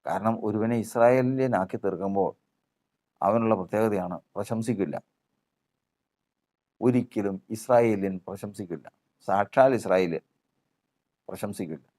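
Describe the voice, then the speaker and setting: A man's voice: on the low side, normal speed, long pauses, dark tone. A male preacher giving a sermon, repeating phrases and asking rhetorical questions.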